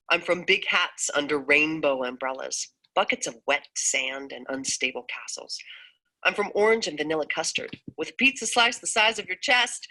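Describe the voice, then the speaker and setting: A woman's voice: low-pitched, poor audio. A woman radio host chatting playfully with her co-host and reading poem lines aloud. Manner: playful, animated.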